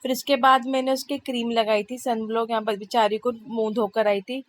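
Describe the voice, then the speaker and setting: Mom vlogging her day, chatty and fed up, kinda high voice, funny complaining. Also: flat delivery, fairly quick. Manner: chatty, exasperated, complaining humor. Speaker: vlogger, mother. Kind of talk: casual voice-over vlog narration.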